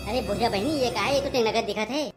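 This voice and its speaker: A woman with a Chhattisgarhi accent voicing cartoon characters in brisk village banter. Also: fairly high pitch, over music. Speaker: cartoon voice artist.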